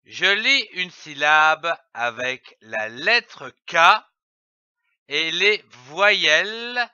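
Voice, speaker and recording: Very slow, bright-voiced man spelling syllables. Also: fairly high pitch, smooth, no echo, dull audio. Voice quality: careful, over-articulated diction. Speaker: reading teacher. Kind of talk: slow syllable-by-syllable reading lesson.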